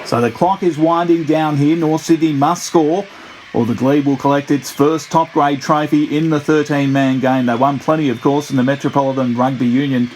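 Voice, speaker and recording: A man's voice: a little high, moderate pace, slight background noise, poor audio. A man commentating on a rugby match play-by-play in the formal, descriptive style of an old-time radio sports announcer. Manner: formal, descriptive play-by-play that builds to excited calls.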